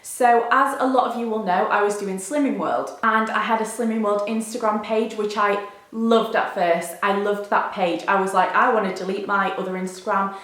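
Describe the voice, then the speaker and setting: A woman's voice: medium pitch, moderate pace, a bit bright. Young woman, echoey room. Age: 20s. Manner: confiding, informal, frequent 'like'. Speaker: video blogger. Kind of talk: candid chatty update to viewers. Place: bedroom, indoors. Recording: roomy indoor echo.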